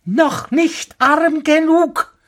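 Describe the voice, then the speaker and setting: A man voicing a small, vengeful male sparrow in a spoken fairy tale, with a very high piping squeak and taunting, sing-song threats. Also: drawn-out words, fairly bright tone, exaggerated voice.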